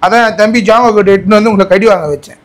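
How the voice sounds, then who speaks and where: Very high-pitched man barking playful commands. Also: fairly even intonation, very fast. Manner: barking repeated commands, teasing. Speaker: comedy video creator. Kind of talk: playful scolding skit.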